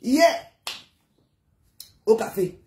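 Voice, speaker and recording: A woman's voice: drawn-out words, darkish tone, reverberant. A woman, a widow, ranting emphatically about her neighbors from her home, repeating herself and throwing in tag questions. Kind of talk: emotional monologue. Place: at home in an apartment building.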